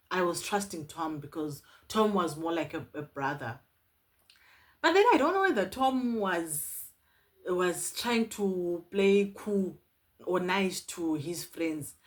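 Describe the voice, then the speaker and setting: Earnest young woman storyteller, slightly low voice. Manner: earnest, pleading and animated, with repeated words. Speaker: vlogger. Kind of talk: casual storytelling to camera.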